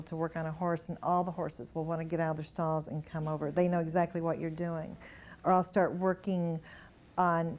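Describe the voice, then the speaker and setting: A woman energy healer giving a live talk to an audience in a room, telling animated anecdotes and chuckling as she goes. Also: on the low side. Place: indoor room with a gathered audience.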